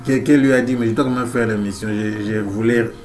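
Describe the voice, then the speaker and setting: This preacher's voice is lowish, steady and a little mellow, moving briskly through a sermon in a Central African French accent despite his head cold. He repeats key phrases emphatically and often says amen and alleluia, with faint music behind him.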